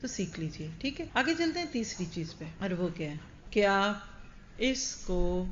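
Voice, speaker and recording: A woman's voice: medium pitch, very animated, lo-fi sound, a little hiss or hum. A woman giving a religious lecture to a large audience. She speaks earnestly and directly, often putting questions to her listeners. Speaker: Quran teacher. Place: large gathering hall.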